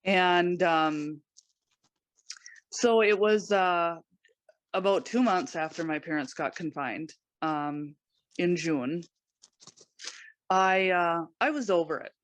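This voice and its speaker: A woman guest on a podcast, giving personal testimony in a halting way, with many pauses and restarts. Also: fairly low pitch, no room sound.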